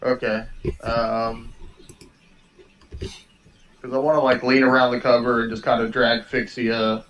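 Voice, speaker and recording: A man's voice: medium pitch, little pitch movement, slow pace, fairly bright tone, muffled recording, a little hiss or hum. A man talking casually as a player in a tabletop role-playing game.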